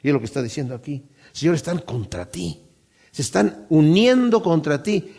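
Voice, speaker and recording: A man preaching a Bible-study sermon, speaking emphatically to his congregation and slowing down to read scripture aloud. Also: a little high, very animated, gravelly, mellow, husky. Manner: addresses the congregation directly.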